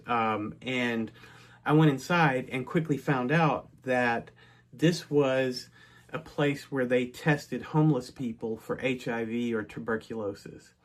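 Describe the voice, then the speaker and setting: Here a man of middle age from North Texas chats his way through a personal anecdote, frequently starting over and going off on tangents. His pitch sits in the medium range.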